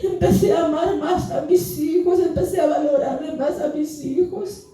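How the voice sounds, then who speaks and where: A woman's voice: high voice, steady tone, normal speed, mellow. A woman giving an earnest, fervent testimony to a church congregation, calling them brothers. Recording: echoey church hall, distant mic, music behind.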